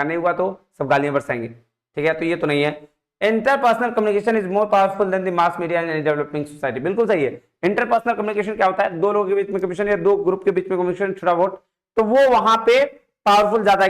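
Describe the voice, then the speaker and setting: A man teaching an exam prep lesson, going through quiz questions, reading English question text slowly and explaining in quick asides while coaxing students to answer. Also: sits high. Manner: coaxing, keeps asking students to tell the answer.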